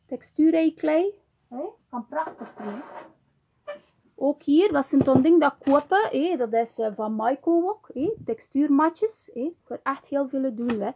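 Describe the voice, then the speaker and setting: A chatty Flemish woman teaches a pottery class in a high, bright-toned voice. She talks loosely and keeps checking in with a quick "hè" after almost every phrase. The sound is a bit dull and lo-fi. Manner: chatty, tags nearly every sentence with "hè". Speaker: ceramics teacher. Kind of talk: hands-on pottery tutorial.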